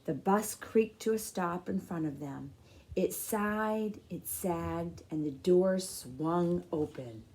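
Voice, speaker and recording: Taking on a storyteller's role, a woman reads a children's picture book out loud in a lowish voice, with deliberate and expressive delivery.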